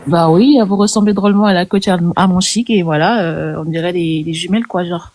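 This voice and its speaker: A woman caller joining a live stream, gushing with compliments in a giggly, lively way. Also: lowish voice, fairly quick, a little hiss or hum. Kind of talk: casual live chat.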